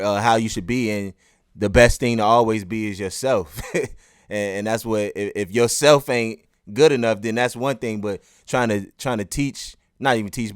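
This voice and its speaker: Smooth low-voiced male podcast host. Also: dry recording, studio quality. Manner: relaxed, slangy, affirming interjections. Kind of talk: casual interview conversation.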